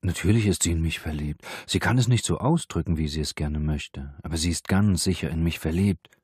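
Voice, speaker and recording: A man's voice: sits low, a little fast, a little mellow, husky, no room sound, clean studio sound. A man playing a sly, pushy big colleague. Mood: leering. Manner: leering, sly. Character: unkempt, pushy big Dutch coworker.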